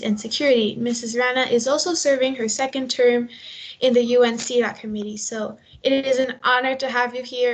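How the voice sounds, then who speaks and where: A young woman reads a formal introduction of a guest, polite and measured. Her voice is fairly high, and it comes over a video call. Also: poor audio. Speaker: interviewer from a youth group.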